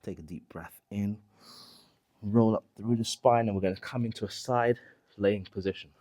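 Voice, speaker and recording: A man leading a mat Pilates workout, calmly cueing each movement and counting the reps, somewhat out of breath. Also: lowish voice, moderate pace. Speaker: Pilates instructor. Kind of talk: guided workout instruction.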